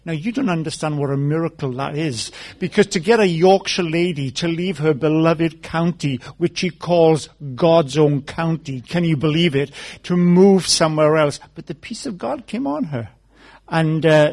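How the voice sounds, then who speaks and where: A man from South Wales with a Welsh accent, a guest preacher giving a conversational sermon told as stories with gentle humor. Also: on the high side, normal speed.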